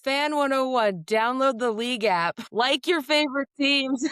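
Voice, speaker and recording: A woman's voice: high voice, a little slow, fairly bright tone, clear, resonant tone, dry recording, studio quality. A woman co-hosting a casual sports podcast, teasing and helpful, often laughing. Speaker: podcast co-host. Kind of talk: casual chat.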